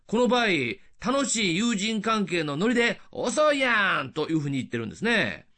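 An older man preaches on the radio in a high, strongly rising and falling voice. He explains patiently and keeps asking questions to the listener. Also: a little fast. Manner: lively, explanatory with rhetorical questions. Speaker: radio evangelist. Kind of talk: radio sermon.

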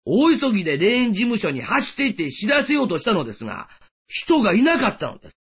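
A man's voice: high voice, big pitch swings, quick pace, breathy edge, dull audio. A man delivering a sermon in an earnest, rising and falling preaching cadence. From Japan. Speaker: pastor.

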